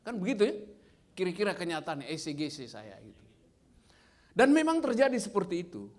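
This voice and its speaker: Speaking a little fast in a high voice, a guest preacher in his fifties gives an energetic sermon, tossing playful quiz questions at the crowd.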